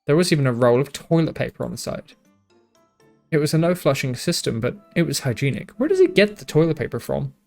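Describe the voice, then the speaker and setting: A man's voice: on the high side, big pitch swings, a little fast, creaky, a little mellow, soft background music. Man reading a game aloud. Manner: joking asides, swears, stumbles over words. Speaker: gaming YouTuber. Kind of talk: reading a visual novel aloud.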